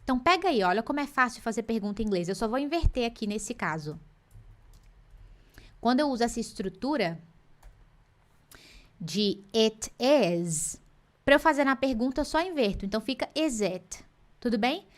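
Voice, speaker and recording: A woman's voice: a little high, animated, moderate pace, long pauses. A woman with a Brazilian Portuguese accent teaching English in a live online class, playful and teacherly, dropping in English example sentences.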